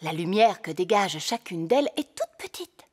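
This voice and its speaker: A breathy, patient fairy queen. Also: on the low side, big pitch swings, normal speed, a little mellow. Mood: explaining. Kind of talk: French cartoon dub.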